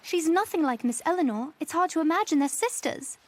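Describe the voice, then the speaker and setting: Bubbly, high-pitched young lady. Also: animated, fairly quick. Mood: delighted. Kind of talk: animated period drama acting.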